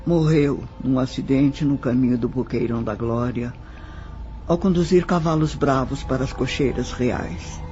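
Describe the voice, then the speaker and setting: This scripted audio drama monologue features a Brazilian-accented man as a mournful nineteenth-century widow, reminiscing formally and slowly, every word measured. His voice is medium-pitched, dark and lightly acted. The audio is a touch muffled, with music in the background.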